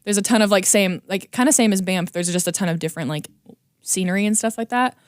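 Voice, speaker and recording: A woman's voice: medium pitch, fast, dry recording, studio quality. Giggly young woman chatting on a podcast. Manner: giggly, chatty, trails off mid-sentence. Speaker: podcast guest. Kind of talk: casual chat.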